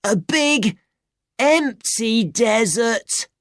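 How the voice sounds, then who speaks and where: A woman's voice: extremely slow, no echo, studio quality, exaggerated voice. A woman reading aloud and voicing an eager young boy in a storybook, in a raised childlike voice. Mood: excited. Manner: high, excited childlike delivery.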